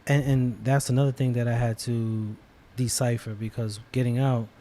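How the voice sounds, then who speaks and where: A man co-hosting a casual podcast, telling stories in relaxed slang with lots of fillers. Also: mid-range voice, normal speed. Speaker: podcast co-host.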